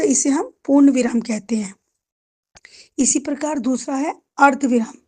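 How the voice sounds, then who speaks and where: A woman teacher walks school students through a grammar lesson, speaking to them fondly as her children. Her voice sits high yet sounds mellow and soft-edged. She keeps asking the class questions and then answers them herself. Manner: addresses students affectionately as children.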